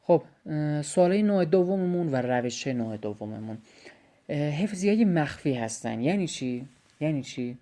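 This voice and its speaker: With an animated, mellow voice on the high side, a young biology tutor records a lesson as a voice message. He goes step by step, returning to key phrases and speaking right to his students.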